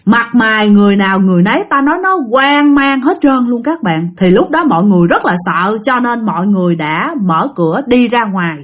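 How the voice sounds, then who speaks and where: Brief: woman, ghost-story narrator, slightly high, very animated delivery, talks to listeners. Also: a little fast, few pauses. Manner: animated, addresses listeners directly, imitates knocking sounds.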